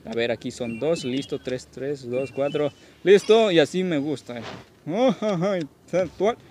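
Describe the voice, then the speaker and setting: A man's voice: fairly high pitch, a little slow, darkish tone, a little hiss or hum. A tipsy man gives casual gameplay commentary as a host, rambling, repeating himself and joking crudely. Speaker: gaming video host.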